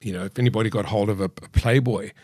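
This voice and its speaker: A man in his late fifties with a mild South African accent, a podcast guest recalling his past in a measured, reflective way with frequent hesitations, recorded on a studio mic. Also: on the low side, fairly even intonation, darkish tone, slightly rough, dry recording. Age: 50s. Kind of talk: candid interview storytelling. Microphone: studio boom mic.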